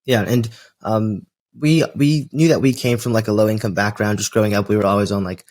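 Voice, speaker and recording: A man's voice: fairly low pitch, steady tone, fairly quick, darkish tone. A twenty-year-old American man, a podcast guest speaking casually with many fillers. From United States. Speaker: guest, real estate investor. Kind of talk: interview storytelling.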